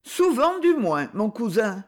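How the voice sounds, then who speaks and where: A woman voicing a timid, polite young woman who is a poor relative, speaking softly and hesitantly in a storybook reading. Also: a little high, very animated, takes it slowly, heavily acted. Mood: shy polite.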